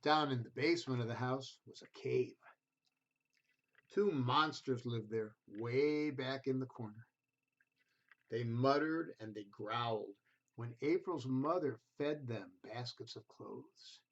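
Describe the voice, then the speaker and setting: Speaking to the listener, a man storyteller reads to children with careful, expressive pacing, captured on a somewhat muffled, low-fidelity recording.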